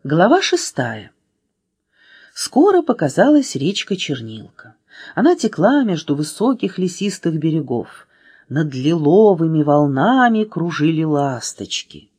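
A woman reading a children's storybook aloud in an expressive way, changing voices for the figures. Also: measured pace, husky. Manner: expressive, changing pitch for drama. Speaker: reader.

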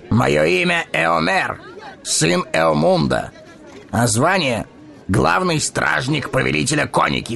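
Proud horse-lord captain voiced by a man, husky and creaky, kinda high for a tough guy, bossy. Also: sharp tone, heavily acted. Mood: stern. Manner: proud, mocking, commanding. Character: stern male horse-lord guard captain. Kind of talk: audio drama acting.

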